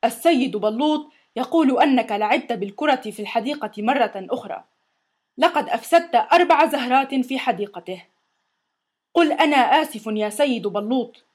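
A mild, tired father trying to smooth things over, as a woman voices him. The voice sits slightly high, with a calm and placating manner, in a storybook reading. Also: fairly quick.

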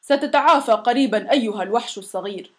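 A woman's voice: on the high side, fast, natural voice. A woman doing a grumpy big storybook monster. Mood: caring, boastful. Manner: whiny and complaining, loud when shouting demands. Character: big grumpy sick male monster, demanding and sulky. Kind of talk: storybook reading.

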